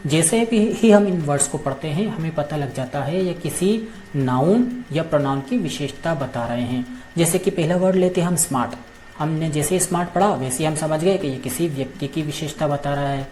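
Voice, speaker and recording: A man's voice: fairly high pitch, darkish tone. A man teaching an English grammar lesson, explaining patiently, repeating key points and checking in with his students often.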